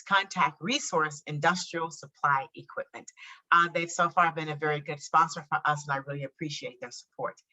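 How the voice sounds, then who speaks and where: A bright, clear-toned woman hosting a streamed podcast interview. She talks in an upbeat, chatty way and laughs easily between her points. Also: fairly low pitch, low-quality recording. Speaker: podcast host.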